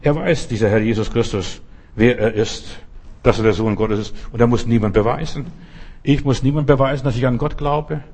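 A man's voice: medium pitch, normal speed, darkish tone. A man preaching a sermon, emphatic and speaking directly to the listener. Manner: emphatic, talks straight to the listener.

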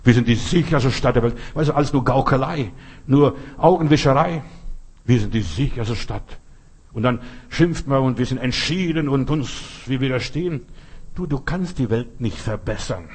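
A man preaching with a husky, slightly breathy voice. He talks straight to the listener, leaning hard on repeated phrases and pointed asides. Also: mid-range voice, animated, moderate pace. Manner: direct, addresses listener as du, emphatic repetitions. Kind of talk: sermon.

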